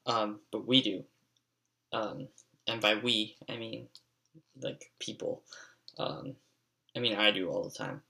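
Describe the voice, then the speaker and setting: A young man rambles through casual, profane stories, hanging every thought on filler words. His voice is bright and a little edgy, with a gravelly fry running through it. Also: fairly low pitch, fairly even intonation, takes it slowly, long pauses. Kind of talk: casual storytelling monologue.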